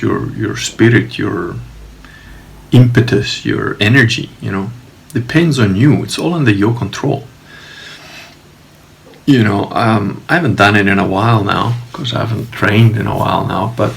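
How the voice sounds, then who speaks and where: A middle-aged man talking in a casual, halting video diary, reflective and informal as he rambles. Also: fairly low pitch, gravelly. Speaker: video diarist.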